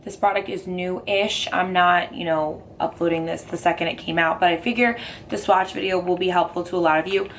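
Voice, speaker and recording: A young woman with a hoarse, raspy voice from a cold, chatting casually through a makeup review with lots of fillers. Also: lowish voice, steady tone, brisk, slight background noise. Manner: chatty, rambling with many fillers. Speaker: beauty vlogger.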